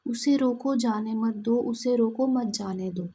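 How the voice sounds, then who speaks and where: A woman teaching an exam-prep lesson, explaining terms and reading verse examples aloud with pauses. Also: fairly high pitch, mellow, husky, poor audio.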